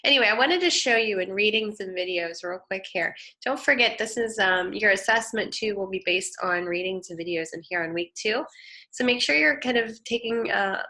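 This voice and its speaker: A design instructor with a mid-range, sharp voice speaks at a moderate pace during a live online lecture with a screen demo. She has a head cold, sounding nasal and sniffly, and talks casually, with lots of fillers, restarts and self-corrections.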